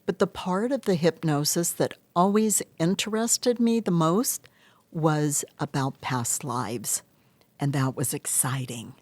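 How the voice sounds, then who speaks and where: A woman speaking as an interview guest and hypnotherapist, explaining and telling of her work in earnest, measured short phrases. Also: low-pitched, a little mellow, no room sound. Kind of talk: interview answers, explanatory storytelling.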